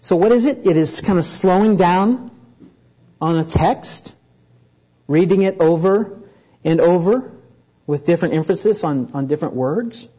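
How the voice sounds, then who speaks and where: Husky-voiced man preaching a sermon. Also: expressive, measured pace, warm tone, dull audio. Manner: earnest, rising in pitch and volume for emphasis. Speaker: pastor.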